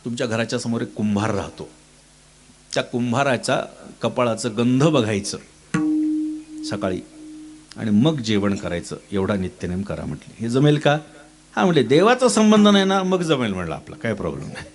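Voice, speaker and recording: A middle-aged man preaching a storytelling sermon in Marathi style, acting out each character's lines with sudden jumps in pitch and clearing his throat now and then. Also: expressive, moderate pace. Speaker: kirtan preacher.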